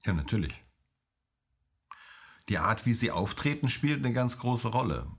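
A middle-aged man, an emergency doctor, answering interview questions in a calm, measured, explanatory way. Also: medium pitch, husky.

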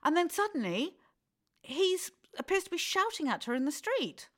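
A woman's voice: very high voice, sing-song, moderate pace, a bit bright. A middle-aged woman, hosting a podcast and telling gossipy stories in a chatty way. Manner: chatty, gossipy storytelling with laughs. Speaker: podcast host. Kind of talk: casual chat.

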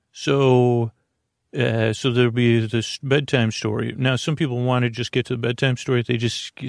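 A bedtime podcast host with a creaky voice rambles in an easygoing, low-key manner, full of hesitations and self-corrections. The recording is dry and studio-clean.

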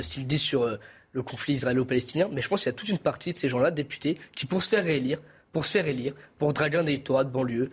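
A man's voice: mid-range voice, slightly rough. A man speaking as a guest on a TV debate panel, insistent and emphatic. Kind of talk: TV debate argument.

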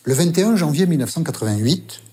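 Older man, Basque accent, animated raconteur, slightly high voice, salty casual storyteller. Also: fast talker. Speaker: journalist. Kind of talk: interview storytelling.

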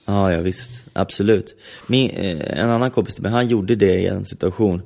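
A man's voice: low voice, vocal fry, darkish tone. A man in casual chat, telling long stories with many restarts and filler phrases.

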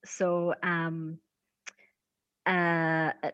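A woman's voice: deep voice, completely flat delivery, drawn-out words, a bit bright, smooth, no room sound. A woman in her thirties with a Donegal Irish accent, telling a personal story casually and hesitantly as a podcast guest. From County Donegal, Ireland. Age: 30s. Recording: slightly dull, lo-fi sound.

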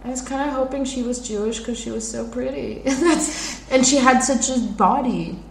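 A woman's voice: on the high side, moderate pace, creaky. Chatty laughing young woman, echoey room. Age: young adult. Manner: chatty, laughs often, animated. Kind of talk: casual chat. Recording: echoey room, faint background noise.

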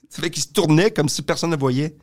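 A man's voice: on the high side, moderate pace, no echo, clean studio sound. A middle-aged man with a Québécois accent, a comedian guest telling jokey, self-mocking stories in casual chat. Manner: storytelling, joking, self-mocking.

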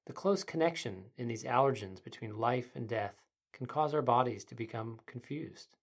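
A medium-pitched, husky voice leads a guided meditation as host. The delivery is soft and soothing, with breathy tone and measured phrases that leave room to pause. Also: expressive.

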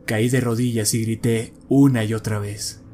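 A man narrating a horror story in a grave, measured, low voice. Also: level tone, warm tone, a little hiss or hum. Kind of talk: dramatic horror story reading.

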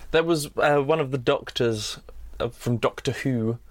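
A man's voice: mid-range voice, measured pace, no echo. Playful man co-hosting, dry sound. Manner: playful, teasing jokes. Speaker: podcast co-host. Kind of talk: casual podcast chat.

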